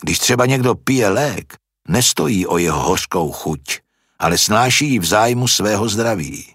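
Low husky male narrator. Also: expressive, a bit bright, no echo, clean studio sound. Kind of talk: scripted narration.

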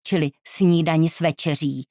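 A woman's voice: low-pitched, steady tone, dark tone, no room sound, clean studio sound. A woman voicing a polite, businesslike travel agent with glasses in a storybook reading.

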